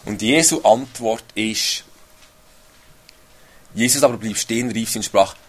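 This is a man preaching a sermon. His voice sits on the low side and sounds husky, and he reads the Bible aloud in an earnest, searching way, often ending his thoughts with a questioning tag. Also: measured pace.

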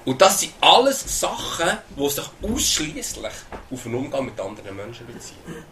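A man's voice: medium pitch, very animated, moderate pace, fairly bright tone, a little hiss or hum. A man with a Swiss German accent preaching a sermon in an earnest way, often repeating words and asking "oder?".

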